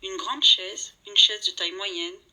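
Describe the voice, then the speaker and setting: Bright, husky woman reading a storybook. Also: mid-range voice, measured pace, poor audio. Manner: lively, voices the characters' lines. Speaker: storybook narrator. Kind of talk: scripted storybook narration.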